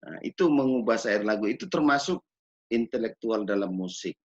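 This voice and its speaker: A man gives a measured lecture on children's music education, pausing to ask rhetorical questions. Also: lowish voice, expressive, husky. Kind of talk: recorded lecture. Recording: dull lo-fi recording.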